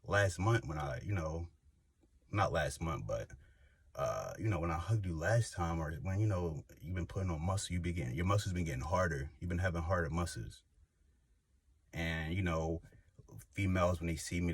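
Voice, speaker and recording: Speaking in a low voice over a faint hiss or hum, this young man vlogs a loose personal testimony to the camera. His slight lisp shows as he wanders, filling gaps and starting over repeatedly.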